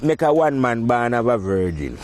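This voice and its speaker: A man's voice: medium pitch, sing-song, normal speed, darkish tone, slight background noise. Rambling man musing aloud. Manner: rambling, provocative, laughs at his own points. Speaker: podcast host. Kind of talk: casual spoken monologue.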